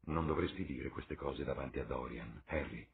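A man's voice: a bass voice, normal speed, creaky, pitched below the performer's own voice. A man doing a melancholy, earnest painter. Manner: subdued, pleading. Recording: tinny lo-fi with faint hiss.

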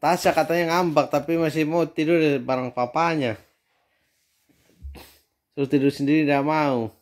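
A man's voice: on the high side, steady tone, moderate pace. A man, a father playfully teasing his daughter in a casual family vlog, laughing often.

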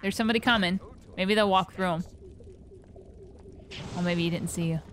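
A woman's voice: on the low side, normal speed. A woman chatting casually while coaching a friend through a video game, in a dry, instructive way. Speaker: co-host guiding the player. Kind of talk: casual let's-play banter.

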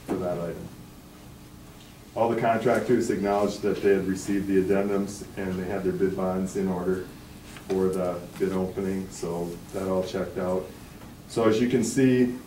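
A deep-voiced architect stands in a meeting room and steadily guides a school board through bid items and prices, reading the figures aloud in a formal, explanatory presentation. A far-off camera picks him up, so the room echoes and there's background hiss.

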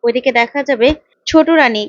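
Woman retelling a serial, high voice. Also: fairly quick, no room sound, highs cut off. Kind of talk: casual spoken story retelling with acted dialogue.

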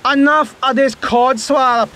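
A man's voice: very high voice, steady tone, unhurried, pushed and bright, a little hiss or hum, voice pushed up, exaggerated voice. A man voicing a bad-tempered boat skipper who barks curt orders. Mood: barking.

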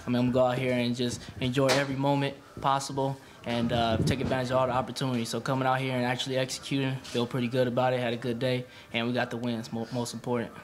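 Young man, football player, press conference, monotone, noisy room. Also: mid-range voice, fast talker, few pauses. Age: young adult. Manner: relaxed, flat delivery with casual slang. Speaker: senior college football player. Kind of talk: post-game press conference answers. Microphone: table mic.

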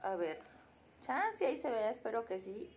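A young woman, sounding out syllables slowly and musing aloud during a casual live study session. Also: a little high, big pitch swings, darkish tone, slight background noise. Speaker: language learner streaming her study session.

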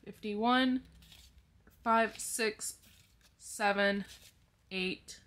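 A woman's voice: mid-range voice, fairly even intonation, very slow, fairly bright tone. A woman vlogging about her budget, explaining each step to viewers in a casual way and counting money aloud as she goes. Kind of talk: casual talk-through to the viewers.

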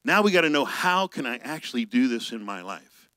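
A male pastor giving a conversational sermon, reading scripture slowly and telling personal stories. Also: medium pitch, sing-song, bright, forceful tone, dry recording, poor audio.

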